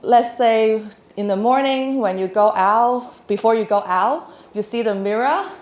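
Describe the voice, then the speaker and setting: A woman in her thirties from Hong Kong, with a Hong Kong accent, gives a casual talk on stage in a large hall with an audience, the sound echoey. Her voice is fairly high and a little slow; she's chatty and laughs, with many fillers and restarts.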